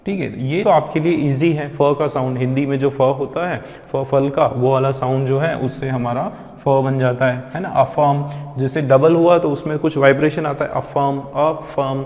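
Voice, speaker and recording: A man teaching English pronunciation in a classroom lecture, drilling words slowly and repeating them aloud. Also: medium pitch, a little mellow. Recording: echoey classroom with long reverb.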